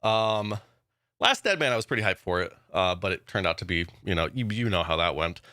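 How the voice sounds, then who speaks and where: Excited rambling gamer man, bright voice. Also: deep voice, fairly quick, no echo, studio quality. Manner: excited, rambling, many fillers. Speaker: gaming YouTuber. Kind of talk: casual vlog update.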